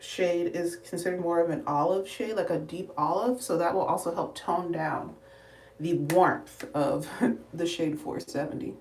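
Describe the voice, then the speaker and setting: A woman's voice: lowish voice, a little slow, darkish tone, slight background noise. A young adult woman chatting casually through a makeup tutorial, talking to viewers as y'all and sounding out of breath. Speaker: beauty livestreamer. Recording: echoey room, voice slightly distant.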